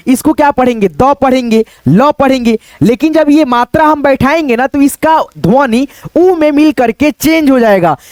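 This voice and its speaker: A man's voice: very high voice, a little mellow, dry recording. A man teaching an online Hindi writing lesson, patiently explaining step by step and drawing out the vowel sounds.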